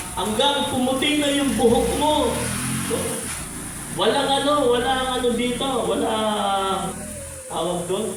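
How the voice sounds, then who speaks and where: A man's voice: high voice, very echoey, recorded from a distance, rough recording. A man teaching a congregation in a casual sermon, asking listeners questions and calling on them by name, with frequent tag questions. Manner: conversational, calls on listeners by name, frequent "no?" and "di ba?" tags.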